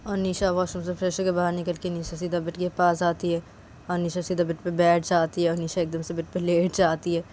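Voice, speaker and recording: A woman's voice: lowish voice, completely flat delivery, fairly quick, darkish tone, a little hiss or hum. A woman narrating a domestic story in a plain, repetitive, casual way.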